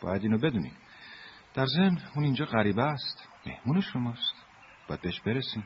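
An actor dubbing a kind, playful man who teases children warmly and laughs often. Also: medium pitch, very animated, lo-fi sound, slight background noise, lightly acted. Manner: warm teasing, laughs often. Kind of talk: film dubbing.

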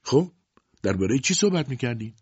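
A man's voice: mid-range voice, big pitch swings, slightly rough, no room sound, lo-fi sound, voice pushed up. A man voicing a scheming mother who pries and mocks her grown children, in a storybook reading. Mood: mocking. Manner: taunting, prying, sharp. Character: scheming, mocking mother, middle-aged woman.

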